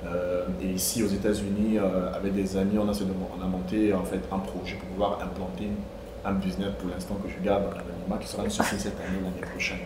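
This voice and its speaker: A man in his thirties from Congo-Brazzaville, introducing himself as a talk show guest with frequent hesitant pauses. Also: sits low. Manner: hesitant, many pauses with fillers. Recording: roomy sound with noise.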